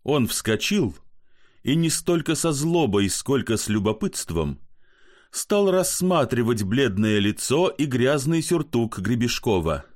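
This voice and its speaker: A man reads a story aloud as narrator, with an expressive telling. His pitch moves in a lively way through the sentences. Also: measured pace. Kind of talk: audiobook narration.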